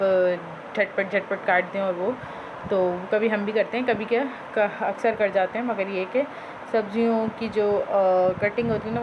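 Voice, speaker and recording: A woman from Pakistan talking through her home cooking in a casual, rambling way, full of fillers and restarts. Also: mid-range voice. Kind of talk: casual chatty narration. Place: home kitchen. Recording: slightly dull home recording with noise. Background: pet parrot squawking.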